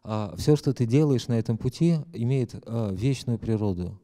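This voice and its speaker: Very dark-voiced man interpreting live. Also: mid-range voice, lively intonation, normal speed. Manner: hesitant, many fillers and self-corrections.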